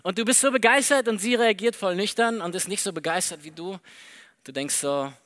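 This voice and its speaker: A man preaching a sermon in a lively, conversational way, acting out the dialogue of the story as he tells it. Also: high voice, quick pace. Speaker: pastor.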